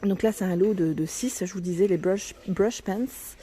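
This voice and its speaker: A woman's voice: mid-range voice, moderate pace, mellow, husky. A woman walking through a store aisle showing products in a casual vlog, chatting and often correcting herself, her voice cracking early in the morning. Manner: chatty, often corrects herself, drops to a near whisper at times. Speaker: vlogger showing new store arrivals.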